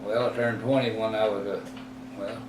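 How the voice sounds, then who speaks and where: Recorded on a roomy, distant mic with noticeable background noise, an eighty-something Texan man looks back on his life for an oral history interview. His speech is slow, rambling, and halting, packed with fillers and corrections, in a fairly low, level voice.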